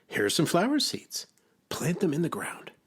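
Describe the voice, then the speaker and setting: A man's voice: a little high, huge pitch swings, normal speed, fairly bright tone, husky, pitched above the performer's own voice, heavily acted. A man voicing a sensible, kindly frog in a children's storybook, patiently giving advice. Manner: patient, advising.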